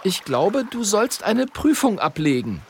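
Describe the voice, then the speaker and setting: A man voicing a nervous but brave young wizard apprentice boy in a children's audiobook, talking high and eagerly. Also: very animated, unhurried, a little hiss or hum, full character voice. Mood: earnest. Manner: high, eager and a bit timid.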